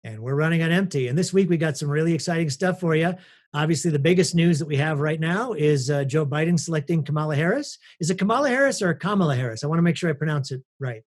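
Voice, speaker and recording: Upbeat higher-voiced man hosting a podcast. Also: a little mellow. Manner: upbeat, talks in quick bursts with frequent "uh" and stumbles. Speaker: podcast host. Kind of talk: casual podcast chat.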